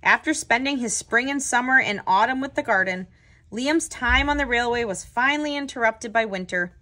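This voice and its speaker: A woman hosting a children's read-aloud as a tutor, telling the story with clear, expressive phrasing. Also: a little high, moderate pace.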